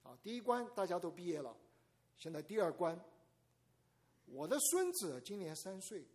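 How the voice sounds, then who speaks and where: An older man giving a sermon in a fairly high voice that swoops up and down with great animation. He tells his stories with life, often turns to the congregation with questions and acts out little scenes as he goes. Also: sing-song, normal speed, darkish tone. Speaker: preacher.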